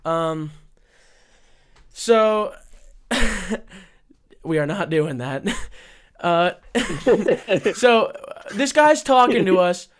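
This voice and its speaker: A man's voice: high-pitched, animated, drawn-out words, long pauses. A young man telling a crude story in a casual podcast chat, laughing as he goes. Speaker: podcast host.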